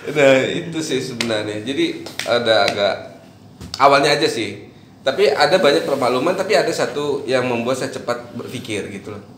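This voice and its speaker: A man from eastern Indonesia talks through his thoughts in a relaxed chat, laughing now and then. His voice sits at an ordinary middle pitch. The room gives it a clear echo with faint background noise. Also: normal speed. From eastern Indonesia, Bima. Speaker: guest. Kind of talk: casual chat.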